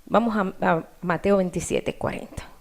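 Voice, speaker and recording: A woman's voice: fairly low pitch, fairly even intonation, moderate pace. A woman preacher delivering an impassioned sermon, often addressing her listeners directly as brother.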